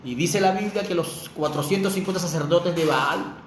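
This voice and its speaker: A man preaching with fervor, his voice sitting high for a man. He keeps turning to his listeners with pointed rhetorical questions. The sermon rings through a roomy, echoey space with a faint hiss behind it. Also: normal speed. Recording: echoey room with faint noise.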